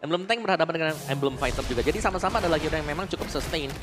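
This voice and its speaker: A man's voice: a little high, animated, very fast. A man giving explanatory, analytical esports caster commentary on a live match. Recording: loud music behind commentary. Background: music.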